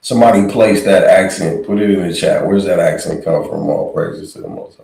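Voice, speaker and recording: A man's voice: low voice, moderate pace, gravelly, warm tone, roomy sound, recorded from a distance, rough recording. A man hosting a podcast, talking casually and tossing joking asides to his chat. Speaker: podcast host reacting to clips. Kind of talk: casual commentary.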